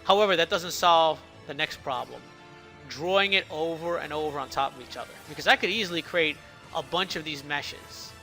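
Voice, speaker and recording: A man's voice: fairly high pitch, normal speed, bright, forceful tone, soft background music. A man talking casually through a game devlog, his speech a little slurred by a swollen lip, with occasional stumbles. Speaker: indie game developer narrating a devlog. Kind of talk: casual explanatory devlog talk.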